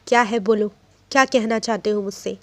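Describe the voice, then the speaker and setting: A woman's voice: medium pitch, steady tone, moderate pace, dry recording, lightly acted. A woman voicing a hurt, angry young man who bitterly accuses the friend who deceived him, mixing in English phrases. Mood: cold, bitter.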